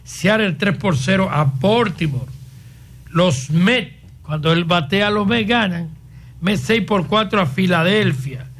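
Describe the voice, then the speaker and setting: A Dominican man co-hosting a sports radio show, reading scores in quick bursts and trading jokes with his co-hosts. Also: high voice, fairly bright tone. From Dominican Republic. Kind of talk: lively sports radio banter.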